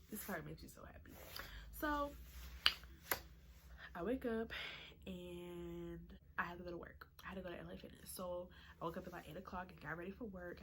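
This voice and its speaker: A woman's voice: on the low side, noisy background. Chatty young woman telling a story. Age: 20s. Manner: excitable, chatty, heavy use of "like" and "y'all". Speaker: vlogger. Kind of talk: casual storytime vlog.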